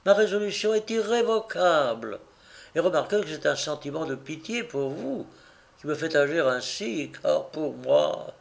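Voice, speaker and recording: A man voicing a proud, unloving young wife in an audiobook, speaking in a firm, measured, icy way. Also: a little high, animated, gravelly. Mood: imperious. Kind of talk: audiobook reading.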